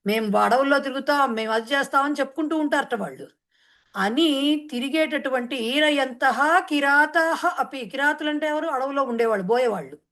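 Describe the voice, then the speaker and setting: A woman Sanskrit teacher who chants a verse slowly, then explains it in quick talk mixed with English words. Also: sits high, a bit bright. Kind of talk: online class explaining a verse in Telugu.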